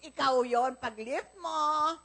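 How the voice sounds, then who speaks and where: A woman pastor with a Filipino accent delivers a live church sermon in a high voice. She tells stories with lots of animation and slips into quick acted-out exchanges between the people in them. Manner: animated storytelling, acts out dialogue in quoted voices. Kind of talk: Sunday sermon. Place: church service, recorded live.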